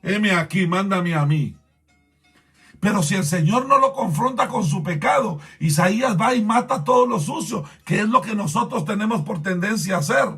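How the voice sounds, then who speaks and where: A man preaching a sermon as a pastor, impassioned and rising to shouts, repeatedly urging his listeners to pay attention. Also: high voice, expressive, fairly quick, hardly any pauses, breathy edge, soft background music.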